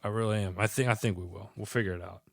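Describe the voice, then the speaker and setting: He speaks rapid-fire in a lowish voice with fairly even intonation and some vocal fry. The man, a podcast host nursing a stuffy head cold, rambles earnestly in a casual chat and often restarts sentences, and the audio is bone dry with no room sound.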